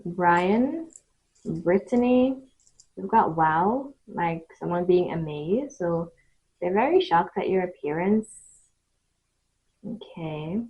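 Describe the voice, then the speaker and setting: A woman giving an improvised mystical tarot reading straight to the viewer, speaking in short, halting phrases with pauses between them. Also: on the low side, expressive, breathy edge, highs cut off. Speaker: tarot card reader hosting readings.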